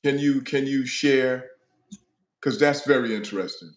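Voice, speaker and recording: A man hosting an interview, prompting his guest gently and a little apologetically. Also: medium pitch, measured pace. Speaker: interview host. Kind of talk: interview questions.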